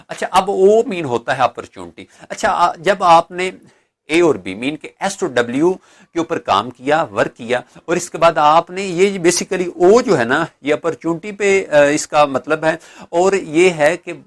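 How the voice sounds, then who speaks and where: A middle-aged man, giving an instructional lecture as a motivational speaker. He asks rhetorical questions and answers them step by step. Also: fairly high pitch.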